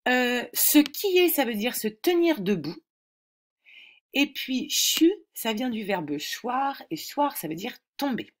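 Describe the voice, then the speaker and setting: A woman giving an informal pronunciation lesson, explaining word by word like a teacher and reciting tongue twisters slowly and then faster. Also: on the high side, very animated. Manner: recites tongue twisters, from slow and deliberate to fast. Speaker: host presenting a French tongue twister.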